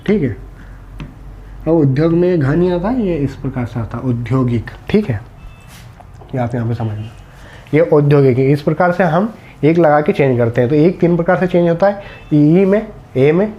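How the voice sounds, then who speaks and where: A man's voice: on the high side, dull audio, slight background noise. A man teaching a Hindi spelling lesson for exam students, explaining step by step and answering his own questions.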